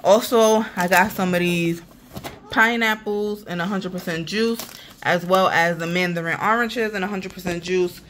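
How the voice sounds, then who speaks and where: Chatty woman with a low voice. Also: normal speed, fairly bright tone, slight background noise. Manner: chatty, talks straight to viewers as y'all. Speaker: vlogger. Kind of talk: casual grocery haul vlog. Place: apartment kitchen, indoors. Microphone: handheld phone camera.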